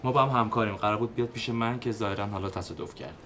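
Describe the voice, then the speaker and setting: Guy playing bossy friend barking orders, lowish voice, noisy background. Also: fairly even intonation, fairly bright tone, close to an everyday voice. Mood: gruff. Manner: brisk, commanding. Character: bossy male friend, takes charge. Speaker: injured man's friend and coworker.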